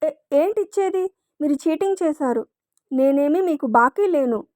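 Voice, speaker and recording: A woman's voice: high-pitched, expressive, unhurried, darkish tone, dry recording, clean studio sound. A woman voicing a shy, flustered young woman.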